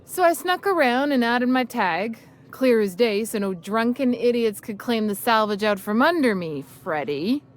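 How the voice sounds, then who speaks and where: Actress as a tough, sarcastic female scavenger, a little higher voice, game NPC. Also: expressive, moderate pace, few pauses, natural voice. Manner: blunt, sarcastic, tough-talking. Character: scrappy tough female salvage freelancer. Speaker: game character.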